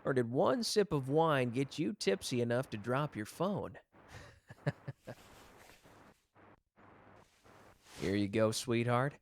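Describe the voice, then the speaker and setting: A man's voice: mid-range voice, expressive, measured pace, slight background noise. Man playing Chuuya, teasing mafioso with swooping intonation. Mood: warm, flirtatious.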